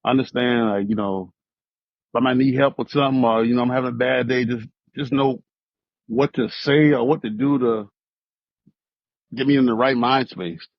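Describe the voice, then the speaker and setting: A man's voice: mid-range voice, steady tone, normal speed, pauses often, no room sound, highs cut off. A man on a relationship panel speaking bluntly and emphatically. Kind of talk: casual panel discussion.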